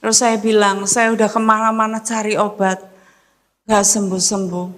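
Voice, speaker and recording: A woman pastor preaching a sermon, telling a personal story with Javanese phrases, emphatic and swinging between loud stresses and hushed asides. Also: medium pitch, level tone, moderate pace.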